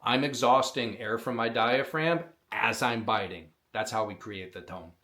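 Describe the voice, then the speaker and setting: A man's voice: mid-range voice, a little slow, bright, forceful tone, slight background noise. A man teaching how to use an open reed predator call, explaining in a plain, practical way. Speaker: call maker teaching coyote calling. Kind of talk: instructional demonstration.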